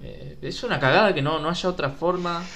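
A man's voice: a little high, a little fast, a bit bright, natural voice. A man with an Argentine accent playing an incredulous male patient in a comic sketch, blunt and full of questions. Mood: wary.

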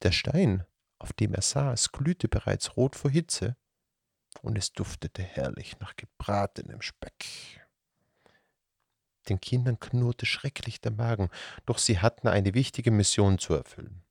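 Male storyteller for kids: low, husky, unhurried fairy-tale reading. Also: no echo, clean studio sound. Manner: slow, calm, gravelly storytelling. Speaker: storyteller host. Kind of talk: fairy tale read aloud for children.

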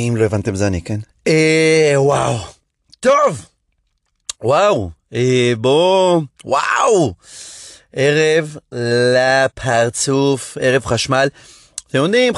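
A man, a stand-up comedian hosting his podcast, talking in a rambling, animated casual monologue with many restarts. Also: mid-range voice, no echo, clean studio sound.

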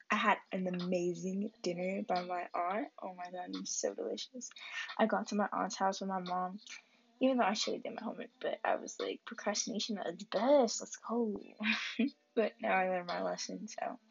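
A woman's voice: mid-range voice, normal speed, vocal fry, sharp tone, breathy edge, highs cut off. A teenage girl casually recapping her weekend in a rambling vlog, full of likes and ums. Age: teens. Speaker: student vlogger.

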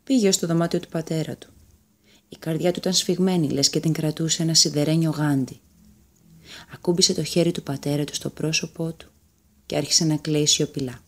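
A woman narrating a fairy tale in a calm, measured storytelling manner. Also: sits low.

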